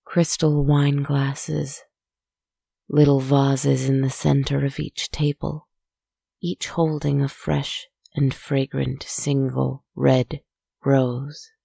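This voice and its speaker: A woman softly narrating a guided relaxation story in a hushed, soothing, spa-like manner, with deliberate, poetic phrasing. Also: extremely low pitch, flat delivery, gravelly, breathy edge, dry recording.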